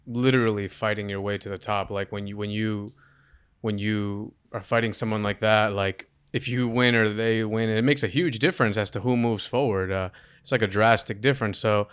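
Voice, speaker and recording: A male interviewer asking long, halting questions and rephrasing as he goes. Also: lowish voice, fairly bright tone, clear, resonant tone.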